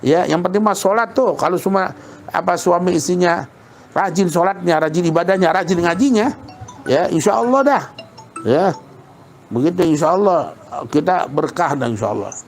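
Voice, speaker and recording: A man giving a casual religious lesson, colloquial and lively, repeating points for emphasis. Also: sits high, normal speed, vocal fry, faint music behind. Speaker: Islamic preacher.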